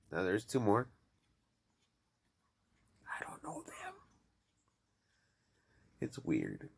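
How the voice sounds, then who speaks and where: Speaking with a Mexican accent, this man hosts a podcast where he chats loosely and rambles, addressing the audience directly. His medium-pitched voice is gravelly and a bit bright, with a breathy edge.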